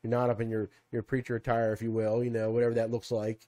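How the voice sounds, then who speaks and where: A man's voice: medium pitch, completely flat delivery, quick pace, dark tone. A man co-hosting a podcast, talking in a rambling, reflective way with lots of "you know". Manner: rambling, many fillers and restarts, reflective. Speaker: podcast co-host. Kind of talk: casual podcast chat.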